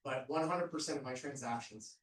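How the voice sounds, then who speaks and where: A man's voice: medium pitch, brisk, a bit bright. A man on a discussion panel who talks casually, with many fillers. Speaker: real estate agent panelist. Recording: echoey room, mic at a distance.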